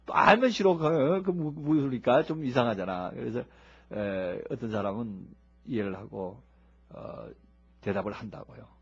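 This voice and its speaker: A man preaching a sermon in a lively, humorous way, acting out people who shout as they pray. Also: mid-range voice, moderate pace, vocal fry, slightly rough. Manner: animated, humorous, acts out shouting worshippers. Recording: dull lo-fi recording.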